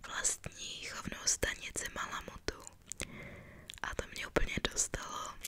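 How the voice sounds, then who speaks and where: A young Czech woman whispering softly as she walks her dog along a forest trail, chatting in a gentle, storytelling way. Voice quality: fully unvoiced whisper. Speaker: ASMR vlogger. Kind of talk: whispered walking vlog. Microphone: body-worn camera while walking.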